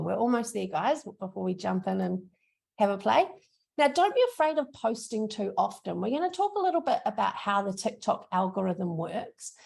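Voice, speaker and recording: Very creaky broad Kiwi-accented woman. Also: medium pitch, a little mellow. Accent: broad New Zealand (Kiwi). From New Zealand. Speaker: social media trainer. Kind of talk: informal online training presentation.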